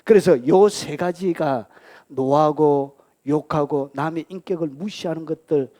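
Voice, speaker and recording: A man's voice: fairly high pitch, a little slow. A male pastor with a Gyeongsang accent preaching a sermon, asking the congregation questions and answering them himself, acting out angry outbursts and dropping at times to a whisper. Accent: Gyeongsang Korean. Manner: acts out angry outbursts, shifts between loud and whispered lines.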